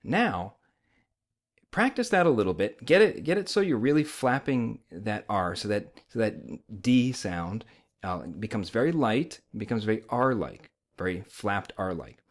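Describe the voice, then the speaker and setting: A man's voice: lowish voice, very animated, measured pace. A man with an American accent explaining as a language teacher, conversational and often checking that the learner follows. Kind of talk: informal instructional explanation.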